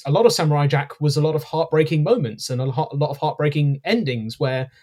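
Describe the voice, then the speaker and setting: A podcast co-host, a man with a rather high, darkish voice, chats casually and quickly while reviewing an episode. He sounds hesitant, with lots of ums and self-corrections.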